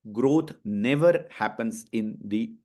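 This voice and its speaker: A man's voice: mid-range voice, slow pace, a little mellow. A male coach with an Indian accent leads a motivational interview. He drives each point home with emphasis and repetition, often turning to his listeners to check they are following. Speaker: coach hosting a session.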